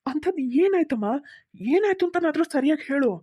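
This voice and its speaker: A fair-minded grown son in a cartoon, voiced by a woman, who presses for answers in a firm, quick way. The voice sits high and the pace is fast. The sound is dry. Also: dark tone, dry recording, close to an everyday voice.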